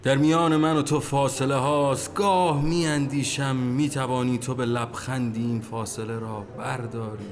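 A man's voice: medium pitch, hardly any pauses, lightly acted. An actor playing a suspicious, jealous young man in a radio play. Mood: anxious. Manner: animated, mimicking others' words. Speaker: young man at a cafe with friends.

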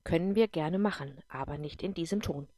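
A woman voicing a caring but firm mother in an audiobook, speaking calmly and steadily. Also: deep voice, brisk, no room sound. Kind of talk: audiobook character voice.

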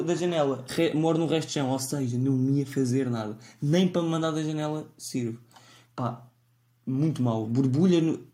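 A man's voice: on the high side, mellow. A man with a European Portuguese accent hosting a solo podcast, talking in a rambling, self-mocking way with frequent restarts. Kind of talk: rambling casual monologue.

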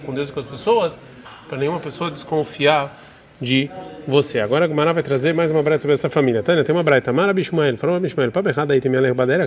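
Man, somewhat high voice, text-study teacher who reads Hebrew aloud and translates as he goes. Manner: reads Hebrew phrases then explains in Portuguese, hesitant. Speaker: Talmud teacher.

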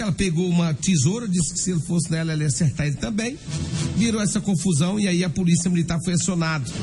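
A Brazilian man hosting a radio news programme, reading news and live ads in a colloquial, chatty way that addresses listeners directly. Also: high voice. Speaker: radio crime-news host. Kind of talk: informal news commentary and live-read advertising. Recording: music bed under the voice. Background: background music.

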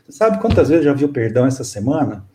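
A man's voice: mid-range voice, big pitch swings, very fast, dark tone, echoey room, slight background noise, natural voice. A man quoting a scornful vengeful spirit. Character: bitter vengeful male spirit, scoffing.

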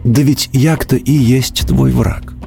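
A man's voice: mid-range voice, fairly even intonation, takes it slowly, vocal fry, warm tone, soft background music, pitched above the performer's own voice. A man voicing a sly, scheming female fox who whines and pleads in a storybook tale. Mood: whining, sly. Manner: whining, plaintive pleading.

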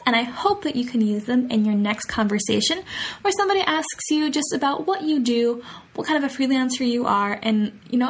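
Breathy woman teaching Italian phrases. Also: fairly high pitch. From United States. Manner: repeats Italian phrases slowly and clearly, chatty asides. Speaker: podcast host and Italian teacher. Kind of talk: podcast language lesson.

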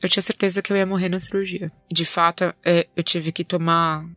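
A woman's voice: fairly low pitch, flat delivery, brisk, a bit bright, dry recording. A young woman as an interview guest, telling a personal story in a candid, emotional way.

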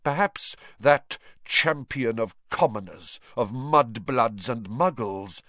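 A man voicing a cold, menacing dark wizard lord from a storybook, speaking with deliberate, theatrical disdain. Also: medium pitch, expressive, dry recording, clean studio sound. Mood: brooding, proud.

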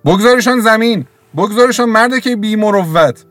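A man's voice: high-pitched, fairly bright tone, no room sound, voice pushed up. A man voicing a fierce, poor village mother who screams in defiant, raw outbursts, with faint music behind. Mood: screaming.

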